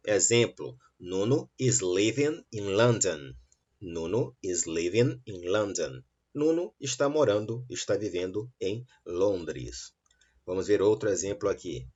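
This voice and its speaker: Husky low-voiced man teaching English. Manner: slow, drawn-out model sentences in English between quicker explanations. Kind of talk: online English lesson for Portuguese speakers. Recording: dull, lo-fi sound.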